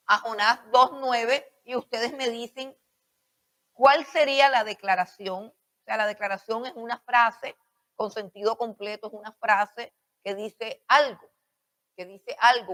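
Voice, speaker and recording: A woman's voice: a little high, a bit bright. A woman teaching a Bible school class on preaching, repeating her points and questioning her students.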